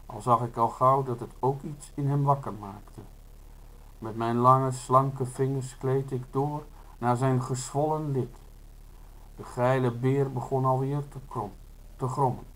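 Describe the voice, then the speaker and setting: A man reading his own literary prose in the first person. He takes his time over each line, in a steady mid-range voice at a leisurely, measured pace. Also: mid-range voice, rough recording. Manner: slow, measured, unhurried delivery.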